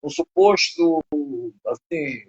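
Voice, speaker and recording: A man's voice: on the high side, animated, takes it slowly, slightly rough. An older man with a Brazilian Portuguese accent, a psychoanalyst lecturing in a live video interview, rambling with many fillers and tag questions. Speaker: psychoanalyst guest. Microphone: video call. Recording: dull lo-fi web stream audio.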